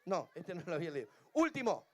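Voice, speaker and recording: Very high-voiced Argentine male entertainer. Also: wildly swooping pitch, quick pace, fairly bright tone. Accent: Argentine Spanish. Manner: playful, chatty, coaxing the crowd. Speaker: children's entertainer and singer. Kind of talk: live stage banter with a crowd. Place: outdoor public event.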